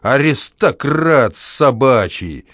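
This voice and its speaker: A man voicing a drunk, enraged male janitor who bellows drawn-out curses in an audiobook. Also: fairly low pitch, huge pitch swings, breathy edge, dry recording, studio quality, heavily acted. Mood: furious.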